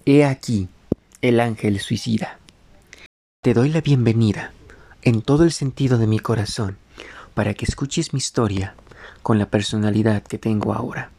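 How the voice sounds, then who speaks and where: A man narrating a life story in the first person, reading phrase by phrase with some halting self-corrections and words dropped to a whisper. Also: on the low side, creaky, warm tone, slight background noise.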